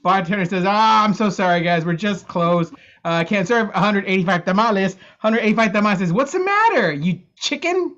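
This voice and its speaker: A man's voice: high voice, steady tone, fairly quick, fairly bright tone, muffled recording. A man performing in a live improv game, telling bar jokes with hesitant setups and fillers.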